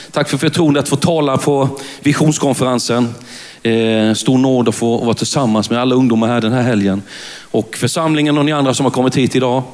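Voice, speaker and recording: A man with a Småland accent from Värnamo, preaching a fervent sermon in church and often calling out hallelujah. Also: medium pitch. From Sweden. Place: church at a conference service.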